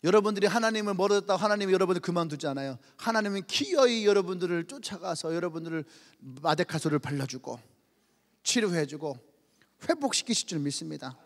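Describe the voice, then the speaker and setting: High-voiced, lively preacher in a reverberant church. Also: male voice, quick pace. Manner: lively storytelling, acts out little scenes and calls out hallelujah. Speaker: pastor. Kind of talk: sermon. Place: church sanctuary. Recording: long church-hall reverb.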